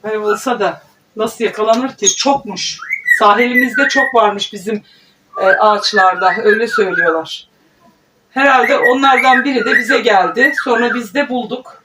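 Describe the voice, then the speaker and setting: A woman's voice: a little high, moderate pace. A woman chatting at home in a casual vlog, cooing affectionately to her pet parrot while she works. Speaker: vlogger. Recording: distant mic with clear background noise.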